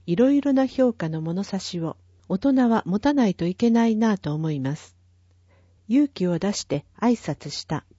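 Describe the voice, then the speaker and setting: A woman's voice: mid-range voice, mellow, slightly rough, no room sound. A woman reading a town newsletter aloud, carefully and evenly, spelling out numbers and addresses digit by digit. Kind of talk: slow, careful read-aloud of a printed bulletin. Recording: dull, lo-fi and dry.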